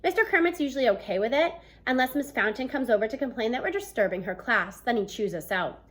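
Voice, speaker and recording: A woman in her thirties reads a children's book aloud in a small room at home, captured by a device held at arm's length. Her high voice swings very lively in pitch, and she tells the story expressively and at a fast clip.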